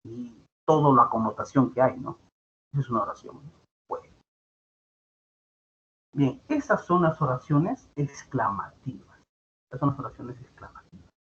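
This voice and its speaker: A man's voice: medium pitch, animated, normal speed, a bit bright. A male teacher giving an online grammar lesson, explaining patiently and repeating his points with tag questions. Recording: dull lo-fi sound with faint background noise.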